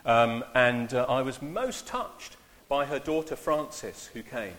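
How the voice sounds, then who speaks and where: A man leading a church service, talking in a halting, informal way with many fillers and restarts. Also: medium pitch, animated, a bit bright, in a large hall, slight background noise. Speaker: minister. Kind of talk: informal sermon.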